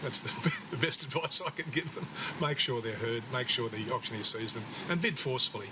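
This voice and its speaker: An Australian man talks briskly in an interview, explaining and advising. Clear ambient noise surrounds his mid-pitched voice. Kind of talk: interview answer giving advice.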